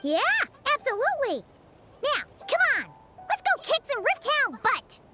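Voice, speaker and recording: Little fairy companion, childlike, squeaky, excitable, swooping intonation, loud music underneath, video game. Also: female voice, normal speed, heavily acted. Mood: encouraging. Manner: chirpy, excitable, speaks of herself by name.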